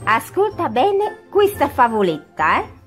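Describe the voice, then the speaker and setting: A woman playing a kind, patient grandmother who tells a fable and teaches gently. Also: high voice, wildly swooping pitch, unhurried, soft background music, full character voice. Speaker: storyteller. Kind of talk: web series doll sitcom acting.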